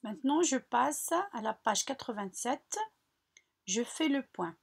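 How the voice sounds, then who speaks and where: A woman teacher slowly guiding children through a French workbook lesson, repeating words and spelling out syllables patiently. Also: a little high, lively intonation, gravelly, husky. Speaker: primary school teacher. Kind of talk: recorded lesson walkthrough.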